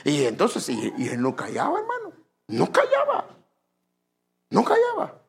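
Male preacher, evangelical sermon, emphatic, voice leaping up and down, husky tone. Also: high voice, huge pitch swings, a little slow. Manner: emphatic, keeps addressing listeners as brother.

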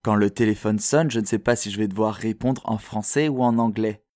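A man from France with a French accent, hosting a podcast in a calm, reflective, measured way, as scripted narration. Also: lowish voice, no echo, clean studio sound. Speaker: podcast host.

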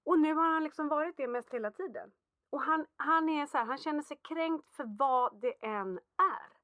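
A mother chatting casually, telling animated stories from home and acting out quotes. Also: sits high, dry recording, clean studio sound. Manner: animated storytelling, acts out quotes. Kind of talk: casual chat.

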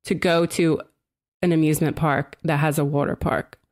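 A woman's voice: sits low, flat delivery, moderate pace, darkish tone. A woman from South New Jersey, chatting casually in an interview with lots of fillers and laughter. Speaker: design blog founder, podcast co-host.

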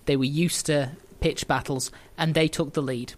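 A man's voice: on the high side, fairly even intonation, normal speed. A man casually telling a history story on a podcast, chatty and joking, laughing often.

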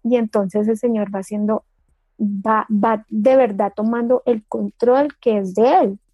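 A woman's voice: a little high, steady tone, measured pace, breathy edge, no room sound, lo-fi sound, faint music behind. Woman on a church talk show, earnest, repeats herself while teaching, dry studio sound. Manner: earnest, repeats phrases while preaching and recounting testimonies. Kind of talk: faith talk show conversation.

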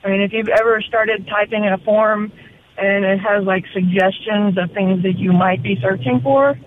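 A woman's voice: medium pitch, steady tone, normal speed. A woman calling in to a radio talk show over a clipped phone line, explaining a technical point plainly. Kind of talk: call-in radio chat. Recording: tinny phone line, faint hiss.

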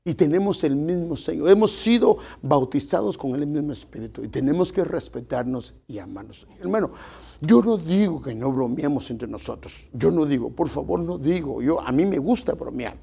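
A man's voice: a little high, animated, moderate pace, gravelly, dark tone, slightly rough. A middle-aged man, preaching a folksy sermon to his congregation and addressing them as brothers. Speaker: pastor.

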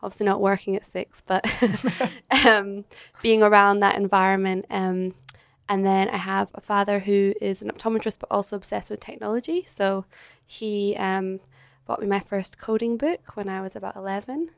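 A Scottish woman in her thirties, an agency director, chats as a guest in a casual interview at a hotel, telling stories and laughing often. Her mid-range voice is steady and a little creaky, delivered at a moderate pace with no room sound.

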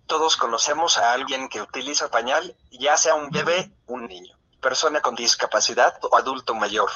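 A man's voice: mid-range voice, moderate pace, bright, forceful tone, husky, low-quality recording. A male synthesized voice, like an old speech synthesizer, reading a prepared speech in a robotic, formal way.

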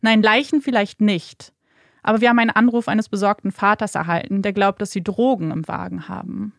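A calm young policeman, as a woman narrator reads him, level and matter-of-fact. The voice stays steady with a gravelly edge and no room sound around it. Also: mid-range voice, brisk, no room sound, studio quality.

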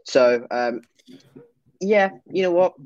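A man's voice: fairly high pitch, lively intonation, slow, darkish tone, dry recording, lo-fi sound. A man co-hosting a football podcast, reviewing a match in casual chat, hesitant and full of fillers and restarts.

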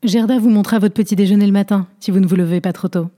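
A woman voicing a stately older landlady who speaks in a polite, measured, formal way, as a storybook figure. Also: medium pitch, steady tone, dark tone, lightly acted. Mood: courteous.

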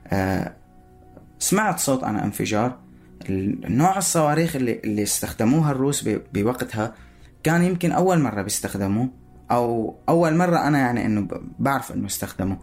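A man with a Syrian Arabic accent giving personal spoken testimony in a halting way, searching for words. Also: medium pitch, lively intonation, darkish tone, faint music behind.

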